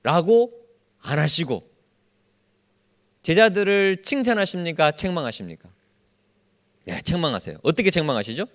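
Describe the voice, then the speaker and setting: A man's voice: on the high side, normal speed, long pauses. A male pastor leading a Bible study sermon who keeps quizzing his congregation with questions. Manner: acts out quoted speech in lively voices.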